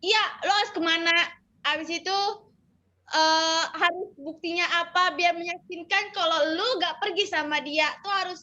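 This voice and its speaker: A woman athlete chats casually and slangily about herself. Her voice is high and bright. The recording sounds dull and muffled. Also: measured pace. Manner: lively, laughing, slangy. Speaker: interviewee, athlete. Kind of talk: casual chat.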